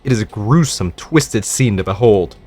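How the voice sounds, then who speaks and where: Male narrator reading a game story, animated pitch, soft music underneath. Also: moderate pace. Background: faint music.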